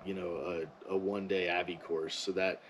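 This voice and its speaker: A man's voice: deep voice, little pitch movement, normal speed, slight background noise, poor audio. A man giving a casual, rambling, opinionated monologue as a ski vlogger.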